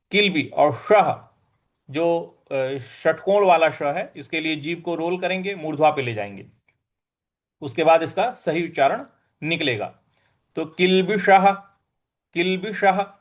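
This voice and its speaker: A man with a high voice teaches verse recitation at a slow, deliberate pace. He says each word several times and marks its stress with care. Between drills he explains the pronunciation plainly. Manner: chants invocation verses in measured tones. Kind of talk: Sanskrit pronunciation lesson.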